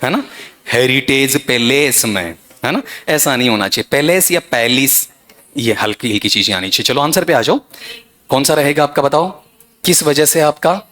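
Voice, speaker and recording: A man teaching an exam-prep lesson, quizzing and coaxing students, reading English sentences slowly. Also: fairly high pitch, fairly bright tone.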